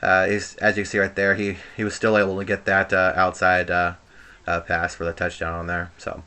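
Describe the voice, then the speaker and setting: A man's voice: low-pitched, monotone, fairly quick, bright, forceful tone, smooth. A man giving casual, rambling commentary over his own video game play, hesitant and mildly frustrated. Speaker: gamer commentating on own gameplay.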